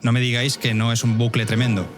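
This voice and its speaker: A Spanish man hosts a scripted narrative podcast, wry and speaking straight to listeners with conversational asides, over a faint music bed. His medium-pitched voice moves little in pitch and goes at a quick pace.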